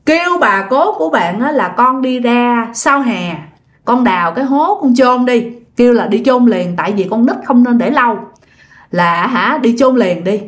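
A woman's voice: a little high, animated, normal speed. A woman telling a ghost story in a chatty way, addressing listeners directly. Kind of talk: casual spoken ghost story.

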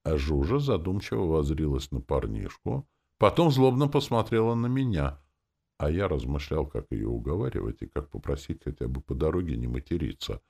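A man narrating a first-person audiobook in a wry, expressive way. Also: rumbling low, moderate pace, vocal fry, slightly rough. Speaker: audiobook reader.

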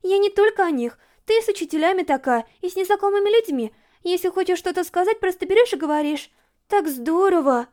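A woman's voice: very high voice, lively intonation, brisk, darkish tone, pitched above the performer's own voice. A woman putting on a bubbly shy schoolgirl. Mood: flustered admiring. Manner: eager and chattering. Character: shy, bubbly teenage schoolgirl who cooks.

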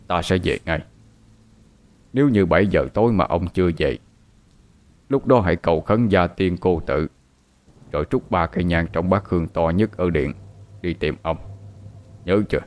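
A man's voice: low voice, lightly acted. A man voicing a stern elderly master who gives firm instructions.

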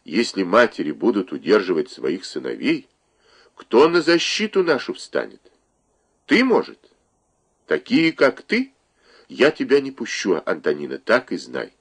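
A man voicing a fussy, scolding elderly mother, breaking into shrill outbursts in a read-aloud story. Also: wildly swooping pitch, measured pace, slightly rough, heavily acted. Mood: stern.

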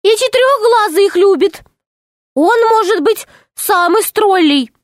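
A woman voicing a small, excitable male gnome who squeaks and exclaims. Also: a little slow, no room sound, clean studio sound. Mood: scornful.

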